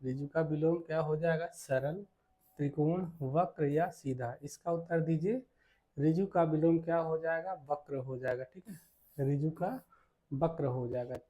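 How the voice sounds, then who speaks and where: In lo-fi audio, a male Hindi teacher solves multiple-choice questions for exam prep at a very slow, deliberate pace, his voice a little high but dark and mellow. He repeats each question, supplies the answer himself, and regularly checks in with "ठीक है" (theek hai).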